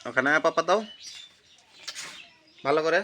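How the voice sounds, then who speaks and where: A young woman talks to her small child outside in a coaxing, singsong way. Her voice sits fairly low for a woman, but it has a bright, forceful edge. A faint hiss of noise runs underneath. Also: unhurried. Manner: coaxing, singsong baby talk. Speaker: parent. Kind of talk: casual family chat with a toddler. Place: outdoors in a yard.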